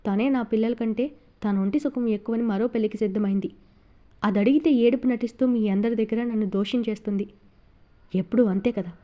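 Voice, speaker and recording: A woman's voice: fairly high pitch, fairly quick, dark tone, lightly acted. A woman reading Vasu, a sneering cruel husband. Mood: contemptuous. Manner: taunting, contemptuous. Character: cruel sneering middle-aged man, abusive husband.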